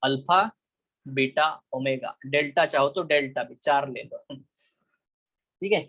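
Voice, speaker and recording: A man's voice: mid-range voice, unhurried, fairly bright tone, rough recording. A man teaching a biology class online, switching between Hindi and English with an Indian accent, calling students "beta" and often checking that they follow. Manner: asks the class frequent check questions.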